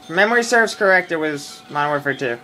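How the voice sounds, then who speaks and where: A man's voice: a little high, lively intonation, fast, pushed and bright, slight background noise. A man in casual chat while playing a zombie shooter with a friend, joking and swearing. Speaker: gamer.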